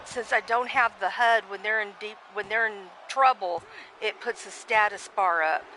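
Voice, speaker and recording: A woman's voice: mid-range voice, normal speed, sharp tone, a little hiss or hum, low-quality recording. A woman giving chatty play-by-play of a simulated wrestling match, reading viewer comments aloud and often starting her sentences over.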